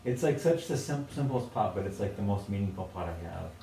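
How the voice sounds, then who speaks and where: Low-voiced, gravelly American man, casual and halting; recorded at a distance in a roomy space. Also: lively intonation. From United States. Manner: hesitant, lots of fillers and restarts, soft laughs. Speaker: potter presenting objects. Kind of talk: casual conversation. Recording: roomy, distant from the mic, faint noise.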